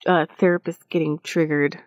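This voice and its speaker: A woman's voice: low-pitched, normal speed, dry recording. A woman hosting her own podcast, joking playfully in a casual chat. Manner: playful, joking, animated asides. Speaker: podcast host. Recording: dull lo-fi dry sound.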